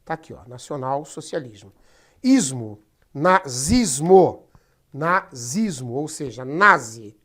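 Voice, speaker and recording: A woman's voice: extremely low pitch, animated, unhurried, bright, forceful tone. A woman, teaching a history lesson over slides in a chatty, step-by-step way, often addressing her students directly. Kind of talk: recorded class lecture over slides.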